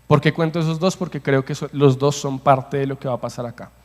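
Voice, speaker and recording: A man's voice: mid-range voice, fairly even intonation, fairly quick, darkish tone. A man preaching a passionate sermon as pastor, repeating phrases for emphasis. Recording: long hall reverb.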